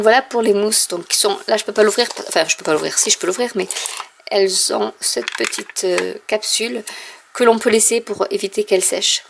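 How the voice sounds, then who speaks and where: Gravelly-voiced woman chatting about crafts. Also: mid-range voice, slight background noise. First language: French. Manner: chatty, explanatory, many fillers. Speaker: craft vlogger. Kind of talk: casual product haul. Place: home craft room.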